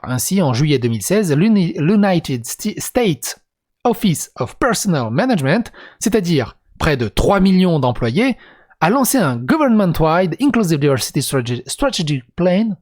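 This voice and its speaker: A man's voice: a little high, a little mellow. A man reading a script and breaking into crude, sarcastic asides as a video commentator. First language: French. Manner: crude, sarcastic asides between read passages. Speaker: YouTube commentator.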